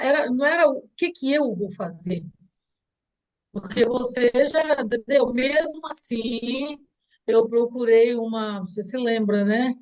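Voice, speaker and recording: A middle-aged woman speaks with a Brazilian Portuguese accent and a fairly high voice. She answers an interview as a mother, sincerely and thoughtfully, often starting a sentence over before finishing it. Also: rough recording. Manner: earnest and reflective, with frequent restarts. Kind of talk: heartfelt conversation.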